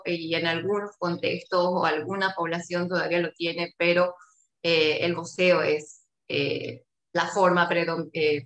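A woman's voice: fairly low pitch, fairly bright tone, echoey room. A woman with a Paraguayan Spanish accent giving an academic seminar talk, explaining with many tag questions and fillers over a video call. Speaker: linguistics researcher.

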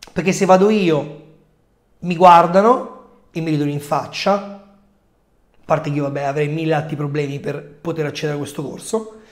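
A man in his forties with a coughy, subdued voice, often clearing his throat, giving casual explanatory commentary straight to his viewers. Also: a little high, measured pace, pauses often. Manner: conversational, addressing viewers directly. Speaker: football video host. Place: small home room, indoors. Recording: echoey room.

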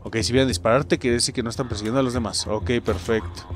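A young man with a Mexican Spanish accent giving excitable, profanity-filled commentary while he plays a game, often breaking into sudden yelps and shouts. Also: mid-range voice, quick pace, faint music behind. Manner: excitable, swears a lot, jumps to yelps and shouts. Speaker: gaming channel host. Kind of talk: casual gameplay commentary.

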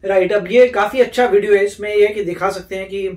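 A man co-hosting a reaction video, explaining his view in a casual, measured way. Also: high voice, steady tone, a little mellow. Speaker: reaction co-host.

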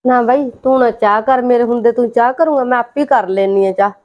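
A woman playing a gentle married sister who speaks mildly and plaintively. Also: on the high side, brisk, highs cut off, lightly acted. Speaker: married sister visiting her brother.

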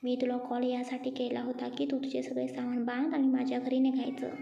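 A woman's voice: high-pitched, completely flat delivery, fairly quick, gravelly, warm tone. A woman voicing a cocky, bossy young man who likes to tease, in a story. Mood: mocking. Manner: mocking, bossy. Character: cocky teasing young man, a rich boss. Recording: dull echoey room.

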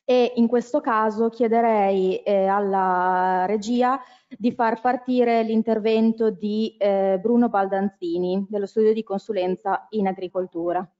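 A woman speaks very slowly as a formal conference moderator. Her pitch is average for a woman, and the sound is a little dull. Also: steady tone. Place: conference hall stage. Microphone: headset microphone.

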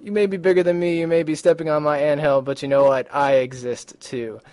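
A man voicing a small, fed-up male ant who shouts defiantly in a silly teaching story. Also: fairly high pitch, fairly even intonation, fairly quick, clean tone, no room sound, close to an everyday voice.

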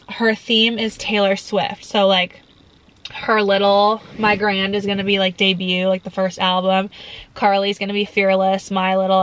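A woman in her early twenties chatting casually to camera in a bubbly, excitable sorority-girl manner, often dropping in "like" as filler. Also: mid-range voice, poor audio. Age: early 20s. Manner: frequent filler "like". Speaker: college vlogger. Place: parked car and small bedroom. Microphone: camera at about arm's length.

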